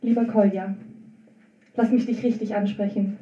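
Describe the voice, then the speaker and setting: A woman reading intimate first-person letters aloud in a measured, intense literary reading. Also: mid-range voice, fairly even intonation, warm tone. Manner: intimate, measured delivery that rises to intense outbursts. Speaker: author reading her own text. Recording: roomy, distant, dull-sounding recording.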